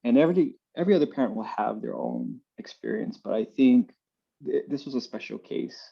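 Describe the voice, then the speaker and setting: A young man with a gravelly, creaky edge to his voice. He tells a personal story in a relaxed, earnest way, full of fillers. The recording sounds dull and lo-fi. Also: mid-range voice, brisk. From Hawaii. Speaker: guest.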